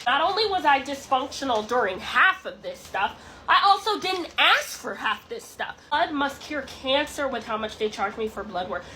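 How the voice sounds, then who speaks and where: High-voiced woman in a swearing rant. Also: sing-song, moderate pace, noisy background. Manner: loud, swearing, dramatic. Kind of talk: angry vlog rant.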